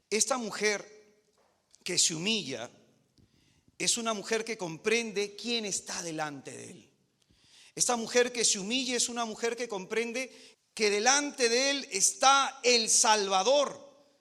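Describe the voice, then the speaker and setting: High-voiced man preaching a dramatic sermon. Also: bright, forceful tone, long reverb tail. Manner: emphatic and dramatic, full of rhetorical questions.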